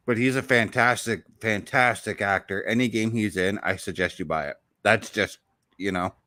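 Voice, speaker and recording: A man hosting a relaxed gaming podcast, his low voice carrying a bright, forward edge. He talks with eager enthusiasm, rambling and doubling back mid-sentence as he goes. The sound is close and dry. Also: a little slow, no echo. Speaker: show host. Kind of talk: casual podcast chat about games.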